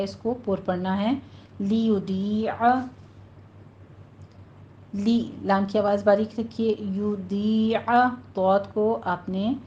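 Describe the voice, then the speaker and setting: A woman's voice: medium pitch, a little mellow. Female tajweed teacher, Pakistani Urdu accent, patient step-by-step delivery, muffled lo-fi sound with a faint hiss. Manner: patient, explains each sound step by step, models recitation slowly. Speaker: Quran recitation teacher. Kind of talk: recorded tajweed lesson.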